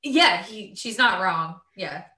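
Woman, late 20s, casual podcast co-host, chatty, bright voice, roomy echo. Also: medium pitch, animated, slow. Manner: chatty, laughing, lots of fillers. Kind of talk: casual chat.

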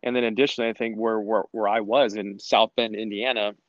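Rambling man, low and dull-sounding. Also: little pitch movement, fairly quick, no room sound. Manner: rambling, many restarts and filler words. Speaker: former college soccer player, guest. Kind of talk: casual interview conversation.

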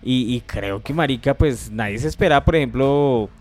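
A man's voice: medium pitch, normal speed. A man with a Colombian accent co-hosting a podcast in casual, colloquial, opinionated banter. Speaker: podcast co-host. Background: faint music.

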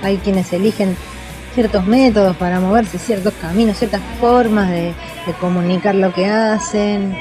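A woman explaining her views in an interview, measured and searching for words. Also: mid-range voice, steady tone, music in the background.

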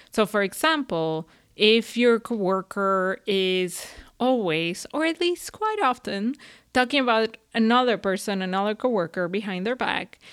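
A woman's voice: mid-range voice, a bit bright, no echo, studio quality. A woman giving casual, chatty self-help advice to her audience, with many fillers and frequent laughs.

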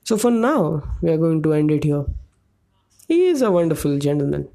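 Casting: male solo podcast host, warm mellow tone, casual monologue that wanders and gropes for words. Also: fairly high pitch, big pitch swings, normal speed, vocal fry. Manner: rambling and loose, searching for words mid-sentence.

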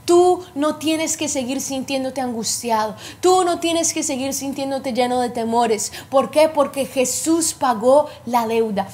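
A woman pastor giving a fervent sermon, speaking straight to her listeners, repeating phrases and calling them to faith. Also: high voice. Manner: earnest, fervent preaching with repetition and direct appeals.

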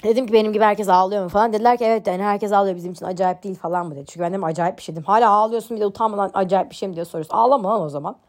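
A young woman telling a personal story in a casual podcast monologue, chatty and animated, poking fun at herself. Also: racing, hardly any pauses. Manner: chatty and animated, mocks herself, swings in pitch. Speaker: podcast host.

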